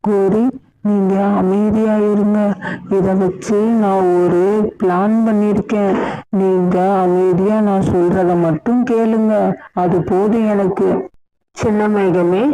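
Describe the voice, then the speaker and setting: Lady doing a sly bossy girl crow from a cartoon, orders everyone around, dark mellow tone. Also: medium pitch, fairly even intonation, slow pace, lightly acted, poor audio. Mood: scheming. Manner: commanding, crafty. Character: scheming bossy female crow.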